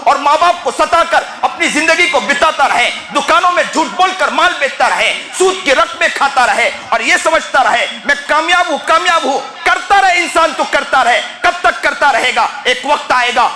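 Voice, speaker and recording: Impassioned preacher in an echoing mosque. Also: male voice, very high-pitched, expressive, hardly any pauses. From India. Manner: impassioned, rising to shouts, voices mother and child in quotes. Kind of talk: sermon.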